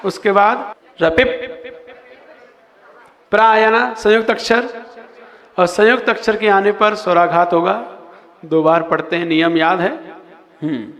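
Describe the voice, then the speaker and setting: A man's voice: high voice, steady tone, a little slow, pauses often, fairly bright tone, long reverb tail. A man, a monk teacher, chants Sanskrit verses and patiently corrects pronunciation, quizzing his listeners.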